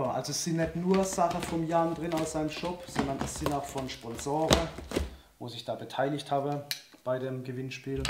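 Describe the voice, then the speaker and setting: This is a man in his 30s, an outdoor and shooting sports vlogger, hosting a casual unboxing with excitable, chatty energy and frequent laughter. His medium-pitched voice is a bit hoarse from a cold. He sits at a wooden table facing the camera in an echoey indoor room, and faint noise is audible.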